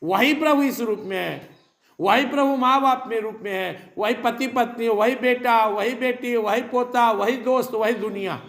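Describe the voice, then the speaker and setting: A man's voice: extremely high pitch, unhurried, fairly bright tone, reverberant. A man giving a spiritual sermon, reciting Sanskrit verses and explaining them with rhetorical questions and repetition. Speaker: spiritual teacher.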